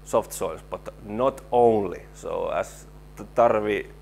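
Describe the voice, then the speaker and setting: A low, gravelly voice from a man, talking through a technical conference presentation. He stops and restarts often, repeating words as he works through each slide, and a faint hum sits under him. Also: darkish tone. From Finland. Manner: halting, repeats words while explaining slides. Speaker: presenter, stabilization engineer.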